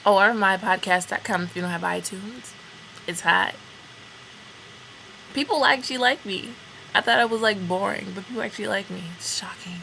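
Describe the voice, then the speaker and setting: A woman's voice: mid-range voice, normal speed, gravelly, pauses often, bright, forceful tone, slight background noise, low-quality recording. A woman vlogger chatting casually to her viewers in a playful, giggly, informal way. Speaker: podcast host and video vlogger. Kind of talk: casual vlog chat to camera.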